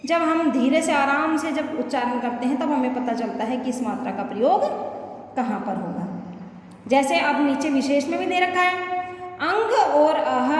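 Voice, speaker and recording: A woman teacher with a Rajasthani Hindi accent speaks to young pupils in a high voice. She is patient and repeats her points, checking in often. The room is very echoey, with a long reverb tail and a faint hiss behind her. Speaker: primary school Hindi teacher. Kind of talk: classroom lesson explaining Hindi letters to children.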